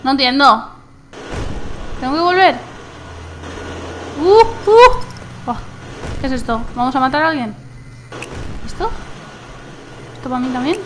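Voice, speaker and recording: A high-pitched woman gives gameplay commentary in a bright, sharp voice. She talks in an unhurried way, breaking into squeals and humming to herself. A faint hiss sits under her desk mic. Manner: excitable, squeals and shouts at surprises, hums to herself.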